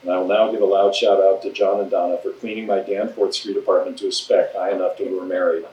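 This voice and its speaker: A man reads a letter aloud at a memorial service, steady in delivery. His lowish voice sounds distant from the mic, in a roomy space. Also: quick pace, dull audio, a little hiss or hum. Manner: reads steadily, with laughing asides. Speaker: reader at memorial.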